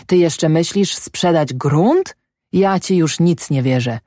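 A woman's voice: sits low, slow pace, dark tone, no echo, studio quality. A narrator voicing a desperate peasant wife in a storybook reading, cursing her husband in a feverish rage. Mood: furious. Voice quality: cursing, pleading, feverish intensity.

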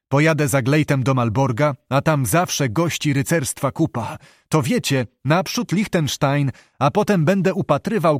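A man voicing a young, eager knight who is boastful and dreamy, with excitable archaic speech. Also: a little high, no room sound, clean studio sound.

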